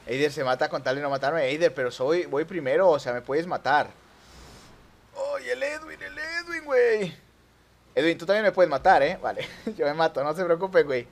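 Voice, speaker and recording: A young man with a Mexican accent commentating his own online racing gameplay, excitable and yelping at near misses. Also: fairly high pitch, a little fast, hardly any pauses. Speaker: gaming YouTuber.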